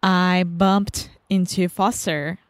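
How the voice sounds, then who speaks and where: Slow, hesitant woman. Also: on the low side, steady tone, no room sound. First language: Portuguese. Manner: short hesitant answers, searching for words. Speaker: podcast guest, advanced English learner. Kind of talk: casual chat.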